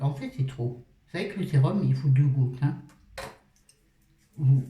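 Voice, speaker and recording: A woman's voice: a bass voice, warm tone, recorded from a distance. A middle-aged woman talking through her skincare routine at a washbasin, chatty and joking, poking fun at herself and swearing casually. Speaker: beauty vlogger. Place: at a washbasin indoors. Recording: roomy sound, voice off-mic.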